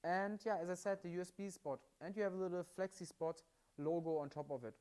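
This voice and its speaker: Presenting a product on a live stream, an upbeat German-accented man explains each step and keeps checking in with little "yeah?" tags. His voice is high, smooth and darkish, a little fast, picked up by a mic clipped at his side.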